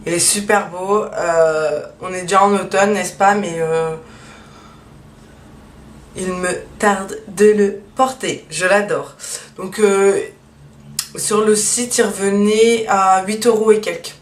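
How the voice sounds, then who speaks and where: A woman's voice: mid-range voice, fairly even intonation, slow pace. Woman, casual beauty haul chat, filler-heavy, echoey room, mic a bit far off. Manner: chatty, many fillers and "donc voilà". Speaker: beauty vlogger. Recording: echoey room, mic at a distance, faint hiss.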